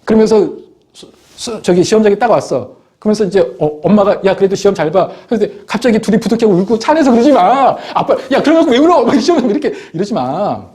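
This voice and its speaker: A middle-aged man lectures his students with a lively, swooping delivery that climbs high, often stumbling over his words and restarting. His tone stays mellow and soft-edged even as he acts out pupils and parents to drive his point home. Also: fast. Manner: animated, scolding, acts out students and parents in quoted voices. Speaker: teacher. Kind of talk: motivational classroom talk.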